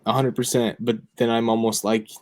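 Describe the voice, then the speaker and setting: A man's voice: mid-range voice, level tone, fairly quick, darkish tone. A young man co-hosting a fantasy football talk show, chatting casually and thinking aloud with lots of fillers. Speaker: fantasy football podcast co-host. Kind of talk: casual chat.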